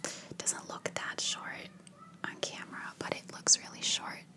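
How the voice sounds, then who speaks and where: Woman in a hushed whisper, casually rambling. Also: a little slow. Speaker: ASMR video creator.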